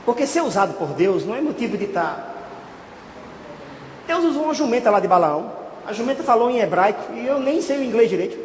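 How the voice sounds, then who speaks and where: Brief: high-voiced male preacher, animated storyteller, shouting at peaks, recorded in a reverberant hall. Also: fairly quick, a little hiss or hum. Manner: lively storytelling, shouting at climaxes. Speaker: pastor. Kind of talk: sermon with personal testimony. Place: church hall. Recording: echoey hall, faint ambience.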